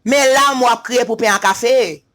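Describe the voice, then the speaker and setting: A Haitian-accented man holds forth in an emphatic, repetitive online rant. His voice sits very high and sounds bright and sharp. Now and then he chants his points in a sing-song way. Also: normal speed. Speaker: social media commentator. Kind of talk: opinion rant to camera.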